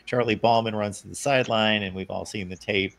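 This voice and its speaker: A man in casual sports chat, an animated storyteller who leaps up in pitch when quoting others. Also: brisk, creaky.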